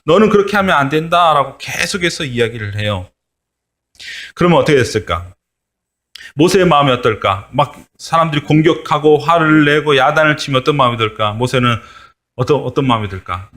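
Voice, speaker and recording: A man's voice: medium pitch, expressive, fairly quick, fairly bright tone. Man, pastor, children's sermon, storytelling, asks kids questions.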